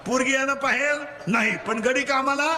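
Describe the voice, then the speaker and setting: Speaking with a Marathi accent and an extremely high voice, this preacher leads a humorous kirtan. He fires off quick call-and-response lines that push the audience to reply, teasing the schoolboys as he chides them.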